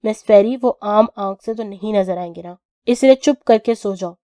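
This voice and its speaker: A woman reading an audio novel, voicing a cruel young male crime boss who is stern and commanding, in a clipped, forceful way. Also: medium pitch, no echo, studio quality, natural voice. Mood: teasing. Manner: stern, clipped, louder than the narration.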